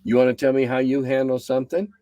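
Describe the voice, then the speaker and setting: Fast and monotone, a blunt seventy-something game designer rambles through a casual interview chat, getting low and quiet as he winds down. The recording is dry.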